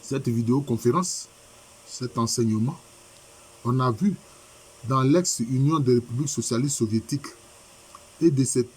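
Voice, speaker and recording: Preaching by video call, this man sounds husky, rough, and slightly congested from a cold, his middling pitch carrying a darkish tone. He talks at normal speed with frequent pauses, repeating himself emphatically and posing rhetorical questions.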